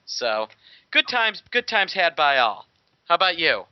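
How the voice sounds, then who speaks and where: A man's voice: on the high side, very animated, a little slow, no room sound. A man with a tinny, metallic-sounding voice, joking around as a regular co-host over a remote call. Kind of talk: joking casual banter. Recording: dull, tinny, dry remote call audio.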